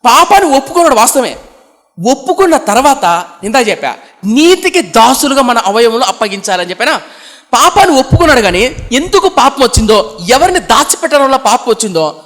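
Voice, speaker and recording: A man's voice: very high-pitched, a bit bright, big-room sound. A man preaching a sermon, asking the congregation rhetorical questions and answering them himself in an emphatic, repetitive cadence.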